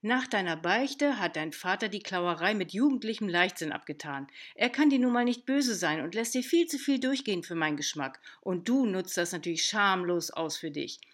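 A stern, outspoken middle-aged aunt, voiced by a woman reading an audiobook. She speaks firmly and bluntly, pitched a touch higher and louder than the narration, like a lecture. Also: animated, normal speed, few pauses. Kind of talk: audiobook character voice.

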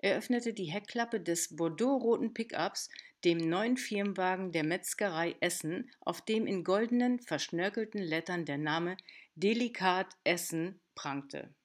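A woman reads an audiobook narration with a fairly low voice. Her delivery is even and measured, a scripted storytelling read.

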